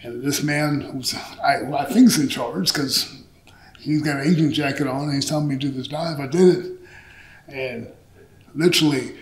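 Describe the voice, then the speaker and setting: A middle-aged pro wrestler, a guest on an interview, tells stories from a couch on a small indoor set, his voice fairly high and his speed normal. He's casual, candid and profane, acting out snippets of dialogue in animated fashion. The room gives the recording a roomy echo.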